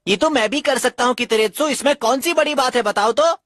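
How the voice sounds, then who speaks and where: A woman's voice: high voice, brisk, no room sound, clean studio sound. A woman voicing a brash, boastful boy in a cartoon dub. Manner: brash, loud. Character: tough, boastful boy nicknamed Buta Gorilla.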